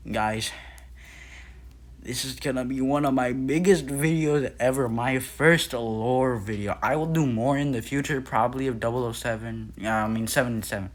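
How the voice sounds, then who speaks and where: This medium-pitched young YouTuber from Nepal speaks at normal speed while casually narrating a lore video. His delivery rambles, packed with fillers, false starts and corrections of himself.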